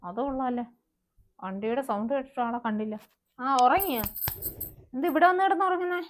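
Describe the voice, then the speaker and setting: A woman in an acted family drama with a high voice and rapid delivery, sharp and sarcastic as she nags and scolds. She presses her points one after another without pause. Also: expressive, a little hiss or hum. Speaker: wife in a family web drama. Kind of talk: acted web series dialogue.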